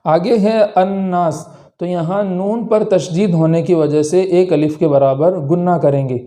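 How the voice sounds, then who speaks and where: Guy giving a tajweed lesson, kinda high voice but really mellow, draws out the recited words. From India. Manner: slow drawn-out recitation of examples, explaining each letter. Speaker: Quran recitation teacher.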